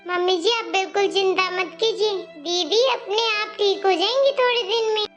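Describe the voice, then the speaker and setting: A woman's voice: extremely high pitch, normal speed, lo-fi sound, soft background music. A woman voicing a patient, polite young daughter-in-law in a cartoon story. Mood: calm. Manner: calm, polite, quietly firm.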